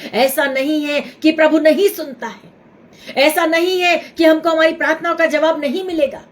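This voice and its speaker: A woman preaching a Hindi sermon with a Hindi accent, dramatic, acting out a beggar's cries and dropping to pleading whispers. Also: sits high.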